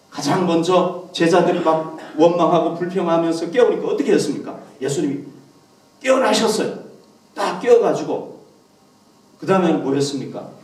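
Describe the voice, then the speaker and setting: A man preaches in a lively, dramatic way, raising his voice for the lines he quotes. His voice sits a little high. He is picked up from some distance in a reverberant church hall. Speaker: pastor. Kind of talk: sermon. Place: church hall, Korean congregation.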